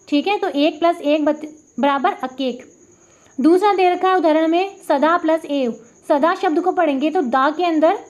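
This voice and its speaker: High-voiced woman tutor, patient and step-by-step. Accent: Rajasthani Hindi. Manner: patient, step-by-step, repeats sounds slowly and points at the board. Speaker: Hindi grammar tutor. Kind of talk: classroom lesson explaining examples. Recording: dull lo-fi audio.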